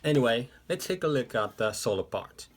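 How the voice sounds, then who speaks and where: Seated indoors with a ukulele playing in the background, a man whose first language is Japanese teaches a ukulele tutorial in English. He explains slowly, step by step, in a medium-pitched voice with lively intonation.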